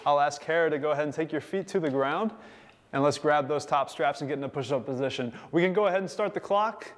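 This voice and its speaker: Male fitness instructor, slightly higher voice, upbeat and encouraging, coaching a workout class. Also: fast. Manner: upbeat, encouraging, counting down time.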